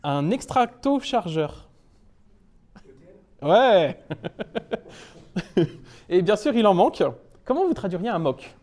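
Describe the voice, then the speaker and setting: Brief: man from France, young adult, meetup speaker, playful self-mocking humour, lively swoops in pitch. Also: takes it slowly, long pauses. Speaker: conference speaker. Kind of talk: humorous tech talk to a live audience. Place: meetup talk room.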